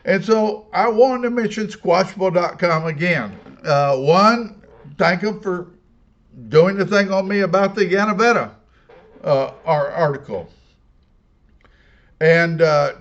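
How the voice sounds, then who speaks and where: A man with a fairly high voice hosts his own paranormal channel, chatting straight to camera. He rambles in a stop-and-start way, full of fillers and repeated words, and recommends things in a friendly tone. The recording sounds dull and muffled. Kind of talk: casual talk to camera.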